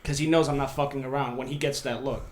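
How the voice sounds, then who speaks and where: A man's voice: medium pitch, steady tone, fast, echoey room. A man who grew up in New York, telling stories bluntly in a casual podcast chat, swearing often.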